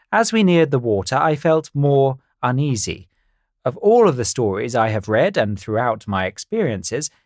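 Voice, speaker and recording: A man's voice: mid-range voice, no room sound. Wry man narrating a storybook. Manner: dry and wry. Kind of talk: first-person storybook narration.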